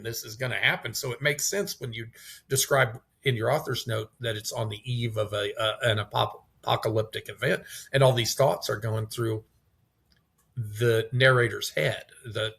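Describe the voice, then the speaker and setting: A man's voice: mid-range voice, steady tone, moderate pace, vocal fry, fairly bright tone. A man hosting a podcast, giving an encouraging critique of a poem in a casual, thoughtful way with frequent restarts. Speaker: podcast host. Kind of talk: casual poetry discussion.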